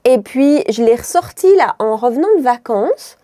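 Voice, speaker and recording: Chatty Belgian woman with a mellow voice. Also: on the high side, lively intonation, moderate pace, no room sound, studio quality. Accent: Belgian French, mild Brussels. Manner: rambling, self-interrupting, laughs often. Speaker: beauty vlogger. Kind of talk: chatty makeup tutorial.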